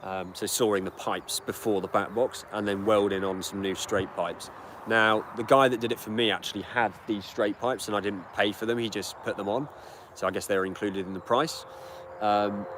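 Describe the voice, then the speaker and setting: With a lowish voice, steady tone and moderate pace, a British channel host in his twenties answers viewer questions in a relaxed live-stream Q&A by his car. The tripod camera captures outdoor street ambience and the sound of the car engine.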